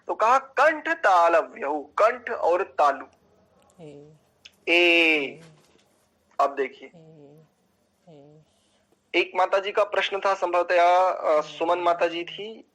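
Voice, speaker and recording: A man teaching Sanskrit pronunciation in an online class, slowly drawing out syllables and chanting verses. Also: high-pitched, sharp tone, low-quality recording. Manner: slow, deliberate, drawn-out chanting of syllables. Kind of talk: online class lecture with mantra recitation.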